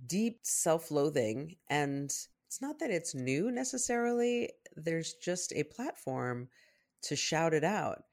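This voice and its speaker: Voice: medium pitch, big pitch swings, slow pace. A podcast co-host who works as a therapist, reflecting and explaining in a casual chat. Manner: reflective, explaining, thinks aloud.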